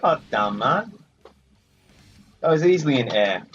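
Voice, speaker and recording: Very animated yet unhurried, a gaming host riffs jokily through let's play commentary, mildly swearing at the characters. His mid-range voice has a fairly bright tone. Game music plays beneath the muffled, lo-fi recording.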